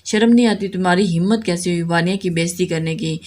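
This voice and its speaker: A man's voice: high-pitched, darkish tone, close to an everyday voice. A woman voicing an angry, domineering older brother who scolds his siblings. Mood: furious.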